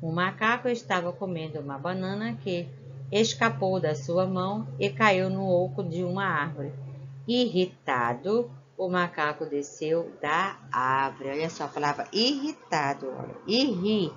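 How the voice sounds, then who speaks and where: Brazilian woman teacher, lowish voice, patient and repetitive with young kids, dull home recording. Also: a little slow, noisy background. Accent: Brazilian Portuguese. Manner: patient, repeats "né?" and "ó" to check on children. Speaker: primary school teacher. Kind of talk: remote lesson explaining a worksheet.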